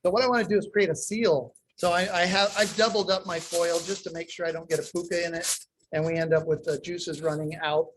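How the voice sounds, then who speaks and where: A man's voice: a little high, fairly even intonation, brisk, noisy background. Man on a choppy call, volume dropping in and out. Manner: explains step by step while handling the food. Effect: audio cutting in and out, uneven volume over an unstable internet call. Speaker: cooking instructor. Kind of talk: live online cooking demonstration. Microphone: video call.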